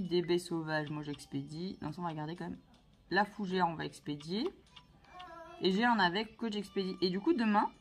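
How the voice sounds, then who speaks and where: Woman, casual gameplay chatter, playful, addresses viewers, faint music behind. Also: lowish voice. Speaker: vlogger playing a video game.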